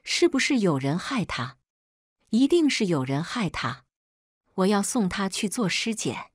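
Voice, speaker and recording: A woman voicing a bossy, scheming middle-aged mother-in-law who talks in a shrill, domineering way in an audio story. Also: big pitch swings, measured pace, no echo, studio quality. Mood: wailing. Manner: shrill and domineering, wailing when upset.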